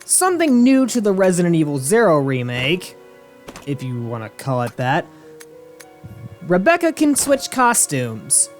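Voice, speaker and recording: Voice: medium pitch, wildly swooping pitch, measured pace, soft background music. A game player of unclear sex giving casual, joking, sarcastic let's-play commentary with plenty of swearing. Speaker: host playing a video game.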